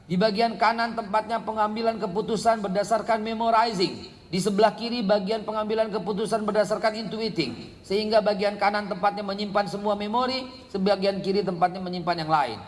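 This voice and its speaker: A middle-aged man preaching a parenting sermon to a congregation, animated, swinging from quiet asides to loud scolding outbursts. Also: sits high, fairly quick. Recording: echoey hall reverb.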